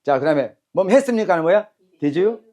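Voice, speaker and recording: Brisk, commanding male English teacher. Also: high voice, animated, dark tone. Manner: brisk and commanding, barks cues and repeats phrases. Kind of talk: classroom lecture with call-and-repeat drills.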